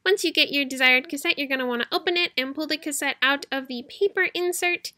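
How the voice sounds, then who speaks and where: A young woman who collects cassettes hosts a YouTube how-to video from a small bedroom indoors. Her high voice is bright and forceful, and she talks fast, chatting to viewers in a giggly, rambling, informal way.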